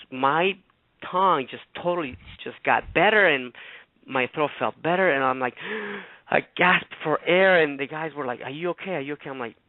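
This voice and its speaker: A man's voice: a little high, no echo. Man from Ecuador on a phone line. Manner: chatty, rambling, animated retelling. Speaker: guest co-host. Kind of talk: casual storytelling on a radio show.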